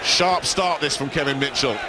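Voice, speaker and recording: A man's voice: a little high, moderate pace. A man giving live boxing commentary. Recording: live arena broadcast, very loud crowd noise.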